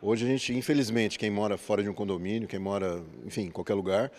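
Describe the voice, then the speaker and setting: A man in his forties, appearing as a guest business partner, gives measured, explanatory interview answers illustrated with everyday examples. His lowish voice is steady and a little mellow. He speaks into a handheld mic in a large indoor hall.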